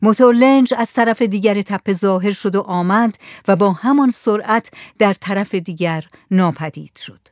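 An audiobook narrator reading a story in a steady, measured way. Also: mid-range voice, dry recording, studio quality. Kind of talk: scripted narration.

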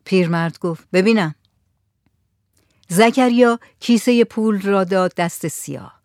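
Woman reading a story aloud, calm and even, dead dry recording. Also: mid-range voice, dry recording. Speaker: narrator. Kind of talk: audiobook narration.

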